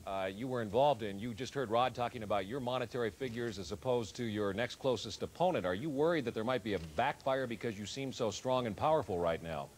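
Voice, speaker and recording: A man anchoring an election night news broadcast, questioning guests in a measured way. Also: medium pitch, slight background noise.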